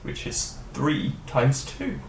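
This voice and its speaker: A man's voice: mid-range voice, wildly swooping pitch, slow, gravelly, noisy background. A man co-hosting a casual podcast chat, jokey and laughing often as he leads the segments. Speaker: podcast co-host. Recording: roomy echo.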